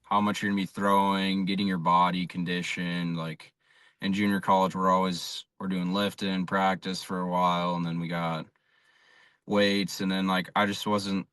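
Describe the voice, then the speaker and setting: A young college baseball pitcher from South Dakota, USA, speaks with an American accent as an interview guest. His voice is deep and level, fairly bright and clean, at a moderate pace, with studio-quality sound and no echo. His answers are plain-spoken and casual.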